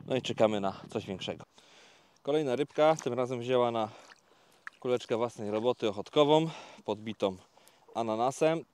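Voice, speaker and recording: A man talking casually to viewers in a fishing vlog, explaining each step in a relaxed, chatty way with many fillers, recorded outdoors by a lake. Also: medium pitch, normal speed, pauses often, smooth. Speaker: carp fishing vlogger.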